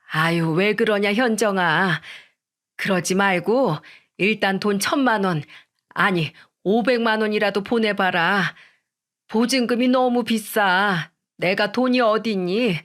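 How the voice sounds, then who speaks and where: A woman's voice: mid-range voice, a bit bright, natural voice. A woman voicing a rude, greedy older mother-in-law who scolds and bosses in a coarse way, in a read-aloud story. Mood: wheedling. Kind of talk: storytelling radio drama reading.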